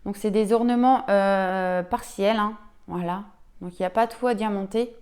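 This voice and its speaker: A woman's voice: medium pitch, fairly even intonation, moderate pace, a little mellow, clear, resonant tone. A woman chatting casually while unboxing a diamond painting kit, enthusiastic and full of fillers. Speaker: craft unboxing vlogger.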